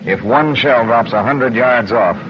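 An actor playing a grave, commanding cruiser captain in an old radio war drama. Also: male voice, mid-range voice, unhurried, lightly acted. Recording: muffled, noisy old radio recording.

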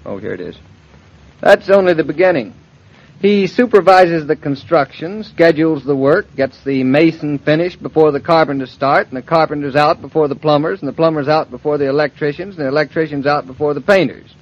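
Wry young husband, muffled radio. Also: male voice, fairly high pitch, brisk. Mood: explaining. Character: wry, affectionate young architect husband, gently teasing. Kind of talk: 1950s radio drama acting. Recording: muffled old radio transcription.

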